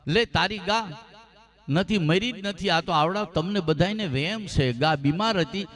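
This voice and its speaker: A compassionate old holy man speaks in a tender, coaxing way, as a male storyteller puts him on. The voice sits fairly high and is gently warm in intent. It is part of a folk tale told aloud. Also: a little slow. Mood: reassuring.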